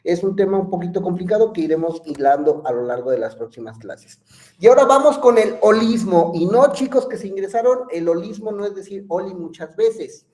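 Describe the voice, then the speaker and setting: A man's voice: high-pitched, lively intonation, fairly quick, darkish tone. A man giving an online psychology lecture, chatty, quizzing his students and using lots of fillers. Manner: conversational, asks students questions, many fillers.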